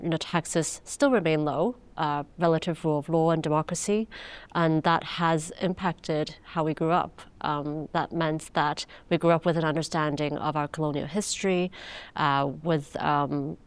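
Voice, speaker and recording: A young adult woman from Hong Kong, a podcast guest, speaking thoughtfully with frequent pauses and fillers. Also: low voice, fairly even intonation, smooth. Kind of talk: interview conversation.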